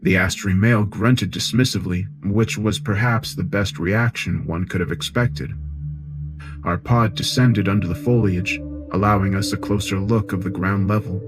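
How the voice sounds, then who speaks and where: A man narrating a science fiction horror story in a measured, grave tone, with music behind. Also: low-pitched.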